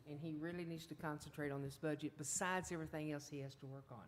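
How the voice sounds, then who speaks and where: A woman's voice: low voice, fairly even intonation, fast, slight background noise. A woman speaking plainly and firmly in a city council meeting. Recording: long reverb in council chamber.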